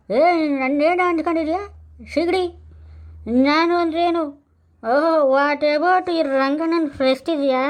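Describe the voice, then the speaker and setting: Give me a tipsy middle-aged village loudmouth, as a woman plays him in a comic skit, his words slurred and drawn out, boastful and rambling. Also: high-pitched.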